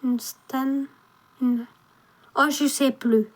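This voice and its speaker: Woman, high voice, slow chatty unboxing talk, restarts a lot. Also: steady tone. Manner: chatty fan, trails off and restarts. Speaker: vlogger. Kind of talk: casual unboxing chat.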